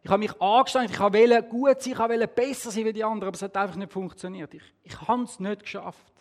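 A man's voice: high-pitched, animated, moderate pace. A man doing a timid little wooden figure. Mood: earnest. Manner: timid, questioning. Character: small unsure male wooden figure.

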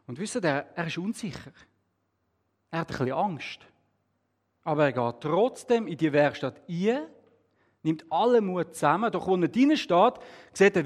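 A man's voice: a little high, in a large hall. A man telling a story to an audience, with humorous asides.

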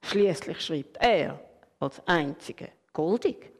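A woman's voice: sits low, lively intonation, takes it slowly, pitched below the performer's own voice, heavily acted. A woman voicing a friendly, comforting red pen in a storybook, with long hall reverb. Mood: kind. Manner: soothing, reassuring.

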